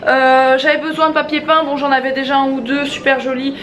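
A woman's voice: high-pitched, flat delivery, brisk, fairly bright tone, a little hiss or hum. A woman in her twenties with a slight lisp and slushy sibilants, chatting casually to a handheld camera as a vlogger at home. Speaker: family vlogger. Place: small room at home. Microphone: camera held at arm's length.

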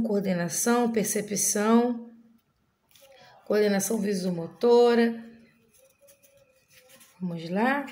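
Woman teacher for a kids' video lesson; slow, patient, sing-song delivery. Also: a little high, darkish tone. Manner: sing-song, coaxing teacher talk to small children. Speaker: inclusion teacher of first graders. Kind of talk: video lesson for young children.

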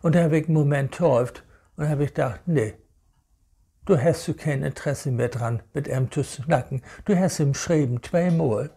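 A man with a Hamburg Low German accent gives a casual, rambling monologue, sounding indignant and slipping Low German words into his German. His voice sits a little high, with a gravelly, fry-laden edge and a mellow, dark tone. He talks slowly and unhurriedly. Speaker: vlogger.

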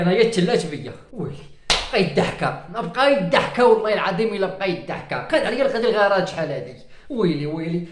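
Wailing fast-talking Moroccan man. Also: very high-pitched. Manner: wailing, ranting, theatrical lament. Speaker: comedian. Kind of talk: comic sketch monologue. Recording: roomy echo.

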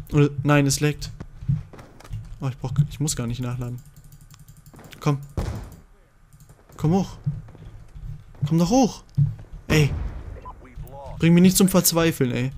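Excitable young man commenting on gameplay. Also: on the high side, slight background noise. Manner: excitable, swings from muttering to shouting. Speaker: gaming video host.

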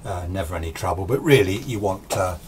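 A British man in his sixties, an amateur radio hobbyist, gives a casual, rambling, self-deprecating technical explanation from his small home radio workshop. His voice is deep and fairly quick, and steady background noise runs under the recording.

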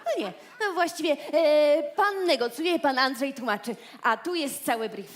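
Bossy boss's daughter, brisk and high-voiced. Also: female voice, animated, a little hiss or hum. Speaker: boss's daughter in a comedy sketch. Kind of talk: stage comedy sketch.

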